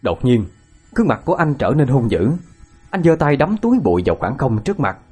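A man's voice: mid-range voice, sing-song, fairly quick, darkish tone, husky, soft background music. A man narrating a ghost story in a dramatic, suspenseful way.

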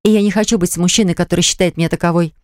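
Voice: mid-range voice, steady tone, rapid-fire, no room sound, clean studio sound, lightly acted. A reader voicing a hurt, indignant young pregnant woman who reproaches her fiancé in an audiobook. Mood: outraged.

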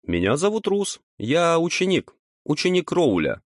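A man's voice: fairly high pitch, big pitch swings, a little slow, dry recording, studio quality, voice pushed up. A man doing a young apprentice guy, raised voice, tired, patient explaining. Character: earnest young male apprentice, tired and steady.

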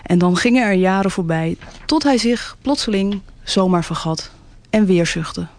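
A storyteller reading a tale aloud for radio, gentle and unhurried. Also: medium pitch, animated. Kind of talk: calm storybook narration on radio.

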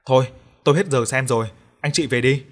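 A calm, authoritative female village shaman, read by a man in a told ghost story. The voice stays plain and middling, steady as she gives instructions. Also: medium pitch, a little fast, natural voice. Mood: instructing.

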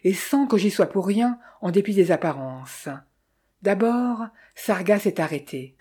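A woman's voice: medium pitch, lively intonation, measured pace, mellow, breathy edge. A woman reading as a worried young clerk. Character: young male clerk, worried amateur detective. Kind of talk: audiobook dialogue reading.

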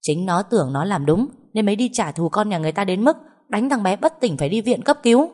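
A woman voicing a calm, blunt younger sister who speaks plainly and reproaches her family. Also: mid-range voice, quick pace, pitched above the performer's own voice, lightly acted. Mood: reproachful. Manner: calm then sharply reproachful.

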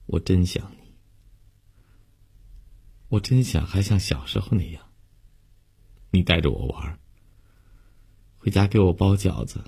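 A man's voice: sits low, gravelly, a little mellow, slightly rough, pitched above the performer's own voice, full character voice. A man voicing the tearful ghost of a young man saying farewell in a told story, his words choked and broken. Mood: longing.

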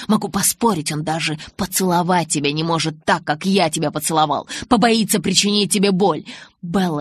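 A loud, teasing teenage boy as a woman reader puts him on pushes his case with brash confidence. The voice carries a slightly husky grain. It is recorded dry and close for an audiobook. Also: mid-range voice, dry recording.

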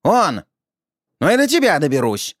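A man voicing a furious old woman who screeches threats in a shrill, drawn-out yell. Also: wildly swooping pitch, dry recording, clean studio sound, exaggerated voice. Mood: commanding. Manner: drawn-out hysterical yelling.

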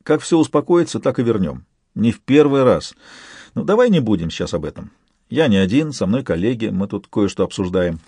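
Courteous aristocratic colonel, voiced by the narrator; calm and confident. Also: male voice, on the low side, fairly quick, dry recording, clean studio sound, heavily acted. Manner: confident, smooth.

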